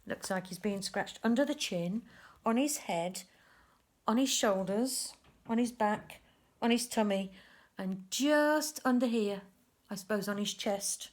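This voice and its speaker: Reading aloud from a picture book for small children, a woman uses a mid-range voice. Her delivery is expressive and deliberately emphatic, broken up by chatty remarks about the pictures.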